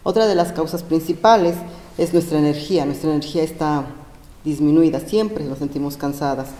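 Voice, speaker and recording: A woman from Mexico, a panel guest explaining depression, hesitant with many pauses. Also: sits low, mellow. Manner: hesitant, many fillers and restarts. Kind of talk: explaining a health topic. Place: large school gym. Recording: roomy echo, long gym reverb.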